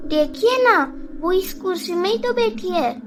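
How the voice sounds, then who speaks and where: A woman doing a sweet, very high little girl. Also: animated, measured pace. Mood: innocent. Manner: gentle, innocent. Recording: noisy background hiss.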